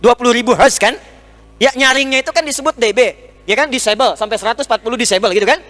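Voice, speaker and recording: High-voiced male preacher, lively and joking. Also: quick pace. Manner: animated, joking, teaching with everyday examples. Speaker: Islamic preacher. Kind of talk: humorous sermon lecture with questions and answers. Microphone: speaking into a microphone.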